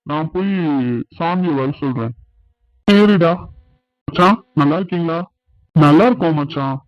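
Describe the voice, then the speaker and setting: An earnest, middle-aged village family man in a cartoon, played by a man. His voice sits fairly high for a man and carries a plain, conversational manner. The recording is dry and a bit dull, like a lo-fi studio dub. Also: measured pace, dry recording, lightly acted. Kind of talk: cartoon dubbing.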